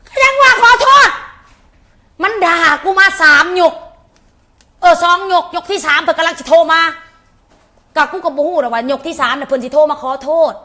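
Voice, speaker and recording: A young Lao-accented woman tells a story to her viewers in a casual, unfiltered way. Her voice sits high and rings bright and sharp. She speaks bluntly, uses coarse words, and rattles off the same word over and over. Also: fairly quick. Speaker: channel host.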